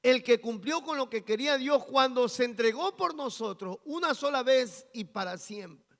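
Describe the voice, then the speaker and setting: A man preaching a sermon as pastor, rising loud on key phrases. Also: very high voice, expressive, normal speed, big-room sound. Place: church sanctuary.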